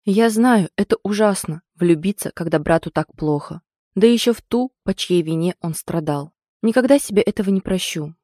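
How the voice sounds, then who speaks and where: A woman's voice: on the low side, moderate pace, warm tone, dry recording, studio quality, lightly acted. Stern commanding man, read by a woman. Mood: bitter. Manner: firm, barking orders. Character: stern commanding man, protective older brother.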